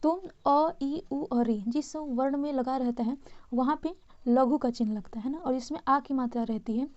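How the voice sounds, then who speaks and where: High-voiced woman teaching grammar. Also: moderate pace, a little mellow. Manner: patient, checks in often with "है ना" and "ठीक है". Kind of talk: explaining grammar notes. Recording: dull lo-fi sound.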